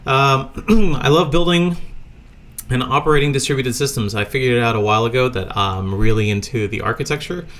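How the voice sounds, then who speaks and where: A man's voice: medium pitch, a little fast, fairly bright tone. A man from Latvia presenting a recorded conference talk from a home office, speaking casually with many fillers.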